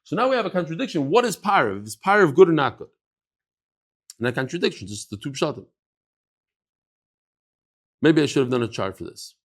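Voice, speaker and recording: A man's voice: a little high, big pitch swings, a little fast, pauses often. A man teaching a daily Talmud class who mixes English with Aramaic and Hebrew terms, asks questions and answers them himself, and acts out the speakers in the text.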